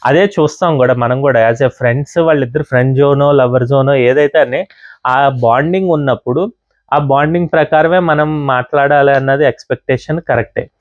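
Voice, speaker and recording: A man with a medium-pitched voice talks at a moderate pace on a muffled recording with no echo. He reviews a reality show episode in a casual, chatty monologue full of fillers, dropping English words in as he goes.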